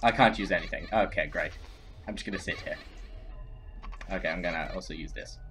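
A young gamer hosting from a computer in an indoor room, on webcam, reacts to a horror game with dramatic exclamations and complaints. His voice sits low with a fairly bright tone, he speaks briskly, and faint music runs behind him.

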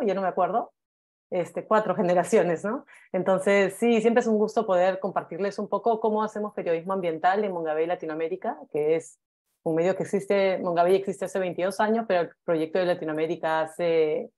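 A woman in her forties, a guest editor, presenting to students over a video call in a relaxed, friendly way. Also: medium pitch. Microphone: video call with earphones.

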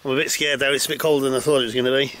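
A man's voice: mid-range voice, flat delivery, rapid-fire, rough recording. A middle-aged man, chatting casually and exclaiming as he films himself on a windy hilltop. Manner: chatty, exclaiming, laughing asides. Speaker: hiking vlogger. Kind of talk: casual outdoor vlog chat. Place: windy open hilltop outdoors. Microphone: handheld camera at arm's length. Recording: loud wind buffeting the mic.

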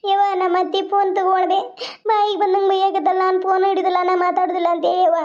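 A wronged young bride in a village cartoon, played by a woman, complaining and pleading in a very high, fast voice. She, and the recording is dull and lo-fi. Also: level tone, darkish tone.

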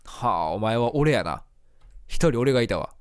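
A man's voice: mid-range voice, sing-song, clear, resonant tone, dry recording, clean studio sound. A man with a Kansai accent giving casual, joking commentary while playing a game. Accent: Kansai Japanese. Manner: joking, quick reactions. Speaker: let's play host.

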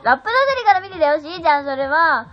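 A woman's voice: very high-pitched, big pitch swings, very fast. A young woman chatting casually on a livestream, giggling and answering viewer comments. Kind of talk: casual live-stream chat. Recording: dull lo-fi stream audio with faint music.

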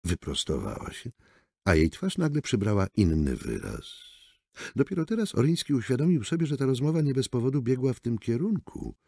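Brief: male narrator, very deep, lively reading, dry close studio sound. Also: brisk, vocal fry, breathy edge, no room sound. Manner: expressive, theatrical reading. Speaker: audiobook narrator. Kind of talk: scripted narration. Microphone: close studio mic.

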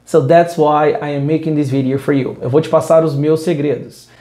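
A man's voice: a little high, steady tone, moderate pace, warm tone, reverberant. A man teaching an English lesson, moving between English and Portuguese in an upbeat, direct way. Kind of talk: video lesson.

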